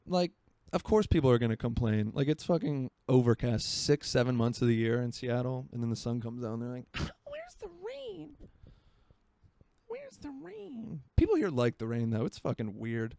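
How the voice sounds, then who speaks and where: A man's voice: medium pitch, steady tone, brisk, hardly any pauses, warm tone, clear, resonant tone, no echo. A man in his twenties from Florida, hosting a solo podcast in rambling, self-mocking casual chat from his home by a marina. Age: 20s. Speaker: podcast host.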